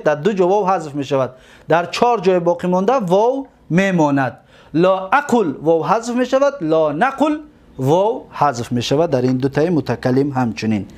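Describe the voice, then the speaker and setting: A man with a Tajik accent teaching an Arabic grammar class, slowly drilling verb forms and checking whether his students follow. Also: high voice, darkish tone. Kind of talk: classroom lesson.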